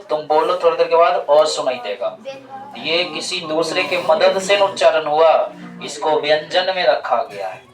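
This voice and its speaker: A male teacher works through a grammar lesson at a deliberate, unhurried pace, repeating each rule and firing questions at his class. His voice sits a little high for a man. He is picked up from across an echoey classroom. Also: far from the mic. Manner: slow, repetitive explaining, quizzing students. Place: classroom with students.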